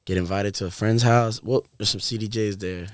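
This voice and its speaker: Casual New York man, animated raconteur, dead-dry close mic. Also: on the low side, normal speed, no echo. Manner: animated storyteller, acts out his own lines and others'. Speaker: podcast guest, DJ and producer. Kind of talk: casual chat.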